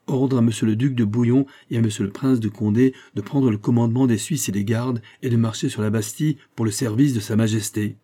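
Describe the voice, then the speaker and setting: A man narrating an audiobook in a measured, even reading. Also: medium pitch, husky.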